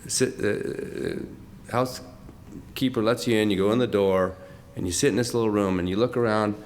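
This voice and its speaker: An older man giving heartfelt off-the-cuff remarks at a tribute, emotional and close to tears, speaking haltingly with many restarts and laughing through it. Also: fairly low pitch, steady tone, slight background noise. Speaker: speaker at a corporate tribute event.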